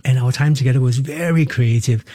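A mellow, warm-voiced man in his fifties, a musical theatre performer whose first language is Cantonese, speaks with a Singaporean accent as an interview guest. At a medium pitch and a fairly quick pace, he tells his story candidly and reflectively in short phrases that often restart. The recording is close and dry, with no room sound at all.

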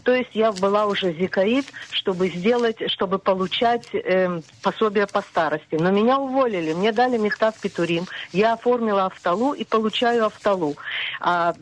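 A woman's voice: mid-range voice, moderate pace. A woman in her sixties calling a radio show, chatty and unsure, talking over the host. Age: 60s. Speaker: caller. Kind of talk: call-in question. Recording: muffled dry phone line.

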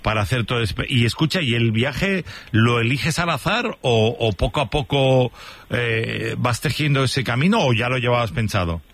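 A male radio host with a lively, swinging voice and a mid pitch. He questions his guest in a loose, joking way. The sound carries the feel of a radio broadcast. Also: normal speed. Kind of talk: casual radio interview.

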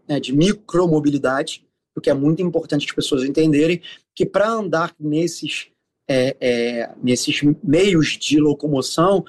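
In a fairly high, darkish voice, a man from Rio de Janeiro answers interview questions as a city official. His Carioca accent comes through as he explains, often stopping and cycling through filler sounds in search of the right words.

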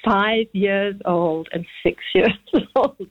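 A woman's voice: medium pitch, slow. Chatty woman in her seventies on a phone line. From Zambia. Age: 70s. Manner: chatty, laughing often, rambling memories. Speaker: caller. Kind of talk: phone-in chat.

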